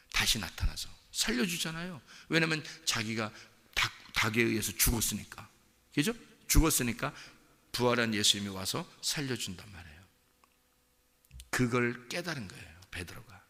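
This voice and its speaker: A pastor giving an emotional dawn sermon, swinging from quiet murmurs to loud cries. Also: male voice, mid-range voice, long reverb tail.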